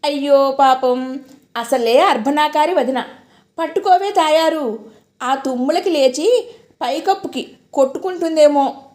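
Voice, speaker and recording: A woman's voice: sits high, unhurried, long pauses, darkish tone. A woman doing a taunting young sister-in-law. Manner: taunting, sarcastic. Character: mocking sharp-tongued young sister-in-law.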